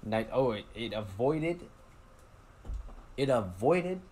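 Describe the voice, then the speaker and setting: A man giving casual commentary over his gameplay, excitable and quick to exclaim at what happens on screen. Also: medium pitch. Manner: excitable, exclaims loudly at game events. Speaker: gaming channel host.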